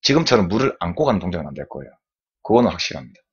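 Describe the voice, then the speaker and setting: Husky low-voiced man teaching swimming strokes. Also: very animated, very fast, lo-fi sound. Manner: repetitive, demonstrative, keeps saying "like this". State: sweating after swimming. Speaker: swimming instructor streamer. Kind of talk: live-stream swim lesson, explaining strokes. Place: indoor room, live stream.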